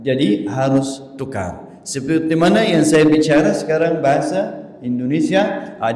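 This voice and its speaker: A man's voice: a little high, a little mellow. Guy teaching quran reading, explains patiently then chants the verses, roomy echo all over. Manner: slow, patient explaining that breaks into melodic chanting. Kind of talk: recitation lesson with chanted examples. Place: large hall at a religious gathering. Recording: echoey hall with long reverb.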